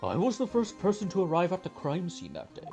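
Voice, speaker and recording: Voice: medium pitch, wildly swooping pitch, brisk, over music, pitched above the performer's own voice. A person voicing a scheming, smug old male police chief with an old man voice, in a video game read-aloud. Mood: coolly confessing. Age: older.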